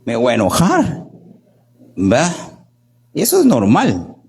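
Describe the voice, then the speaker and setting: A man, a doctor, giving an animated workshop talk in Guatemalan Spanish, often asking "¿verdad?" and acting out the people he quotes. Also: medium pitch, measured pace, vocal fry, slight background noise.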